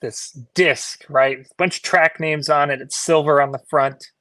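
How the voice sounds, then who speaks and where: A man telling a personal story casually, in a laid-back, halting conversational way. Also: fairly high pitch, fairly even intonation, a bit bright, no echo.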